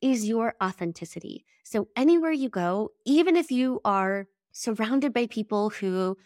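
A woman's voice: a little high, expressive, normal speed, a little mellow, no echo, clean studio sound. A woman hosting a solo podcast episode, sounding nasal and congested from a head cold, in an earnest, reflective manner. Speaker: podcast host.

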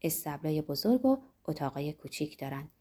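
A woman narrating a literary novel as an audiobook, in a measured, expressive storytelling manner. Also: low voice.

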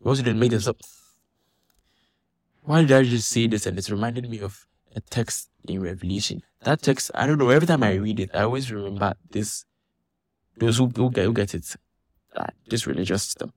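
A man giving an animated, indignant monologue, restarting his sentences often. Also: on the low side, fairly quick, no echo, studio quality. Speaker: church member commenting on a dispute. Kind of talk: casual monologue vlog.

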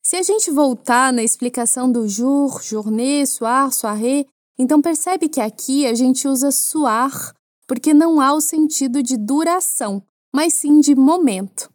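A Brazilian woman teaching French to Portuguese speakers, explaining clearly and patiently with playful asides. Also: high-pitched, measured pace, no room sound, studio quality. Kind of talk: language lesson for Portuguese speakers.

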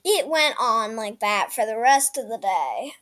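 A woman narrating an improvised story in a halting way, often dropping into a whisper. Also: a little high, lively intonation, a bit bright.

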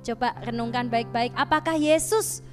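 A woman preaching a sermon, rising to loud emphatic appeals and dropping to hushed, intimate asides. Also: a little high, moderate pace, soft background music.

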